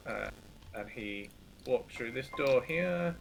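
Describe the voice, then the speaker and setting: A man improvising narration as a tabletop game master, halting and informal, with the odd mild swear. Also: mid-range voice, animated, vocal fry, slight background noise.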